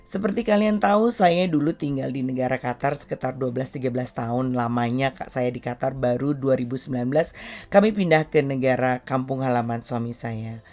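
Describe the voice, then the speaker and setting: With an extremely low, darkish voice, this woman hosts a casual family talk video. She's a middle-aged parenting vlogger from Indonesia who chats freely, slipping English words between lots of fillers.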